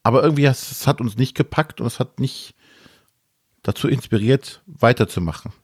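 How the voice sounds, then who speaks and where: A man co-hosting a board game podcast, giving a hesitant, measured critique in casual chat. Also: mid-range voice, slightly rough, dry recording, clean studio sound.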